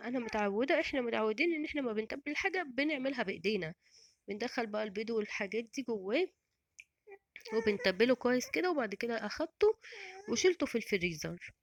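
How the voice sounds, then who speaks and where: A middle-aged woman with an Egyptian Arabic accent, chatting in a rambling, casual voice-over about her home cooking. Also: a little high. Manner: chatty and rambling, many restarts and fillers.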